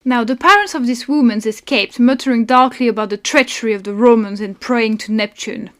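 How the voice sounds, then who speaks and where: High-voiced woman narrating history. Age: adult parent. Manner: measured storyteller, dry asides. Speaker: podcast co-host narrating history. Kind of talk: read-aloud history narration with banter.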